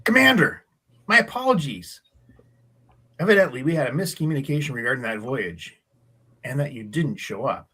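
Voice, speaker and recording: A man's voice: medium pitch, lively intonation, normal speed, pauses often, bright, forceful tone, slightly rough. A man playing an earnest teenage sci-fi fan in a radio play, stiffly formal and apologetic. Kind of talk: radio theatre acting.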